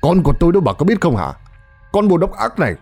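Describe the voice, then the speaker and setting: A man voicing a young kept man in a ghost story, talking bluntly and gruffly. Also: fairly low pitch, very animated, fast, soft background music. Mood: angry.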